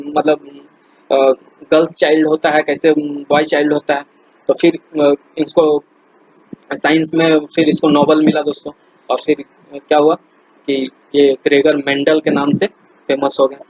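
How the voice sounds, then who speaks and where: In a relaxed lesson, a teacher goes over quiz questions, addressing his viewers as friends and breaking off to restart his sentences, with lots of fillers. He sounds husky and slightly high yet a little mellow, and the audio is dull and low-fidelity.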